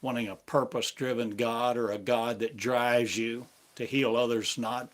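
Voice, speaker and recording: In a flat, mid-range voice, a man preaches a prophetic sermon, taking on the voice of God. The pace is slow and solemn, broken by long pauses between phrases.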